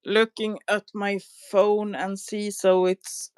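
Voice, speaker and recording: Slow-talking, agreeable woman co-host. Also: mid-range voice, level tone, clear, resonant tone, no room sound. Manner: warm, agreeable, laughs often. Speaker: crafting livestream co-host. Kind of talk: casual chat.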